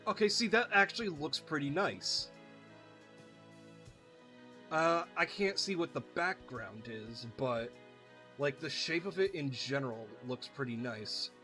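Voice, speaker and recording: A man's voice: on the high side, lively intonation, measured pace, pauses often, pushed and bright, soft background music. A man giving casual, joking commentary while playing a video game. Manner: chatty, joking, reads game lines aloud in silly voices. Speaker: gameplay streamer. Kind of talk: casual let's-play commentary.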